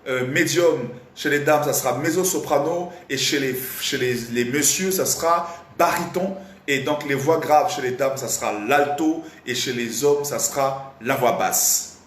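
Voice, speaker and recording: A slightly hoarse man teaching a live online singing lesson, animated and repetitive, often stopping to quiz his audience. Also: medium pitch, a little slow. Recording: roomy echo, faint background noise.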